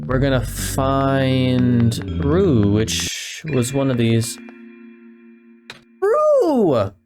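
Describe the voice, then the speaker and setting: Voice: mid-range voice, steady tone, very slow, music in the background. A gamer commenting casually and emotionally while playing, talking to the characters and rambling along. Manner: emotional, talks to the game characters; chatty and rambling. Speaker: let's play gamer.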